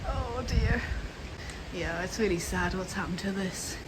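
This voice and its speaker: A woman's voice: medium pitch, measured pace. A woman hosting a casual paranormal vlog, chatting and calling out to spirits outdoors in the wind. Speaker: host, paranormal investigator. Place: outdoors in a windy graveyard. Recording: very noisy windy outdoor recording.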